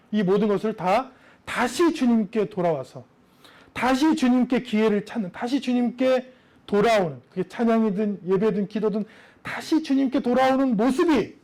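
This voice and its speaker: A man's voice: high voice, darkish tone. A male pastor delivering a sermon in a conversational way, putting rhetorical questions to the listeners. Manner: acts out quoted voices of the story.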